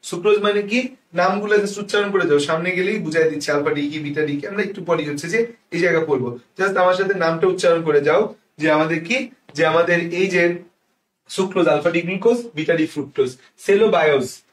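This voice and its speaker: A young man from Bangladesh teaching a biology exam-prep lecture, drilling terms with quick questions and answers. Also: sits high, steady tone, a bit bright, distant mic. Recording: echoey room, mic set back.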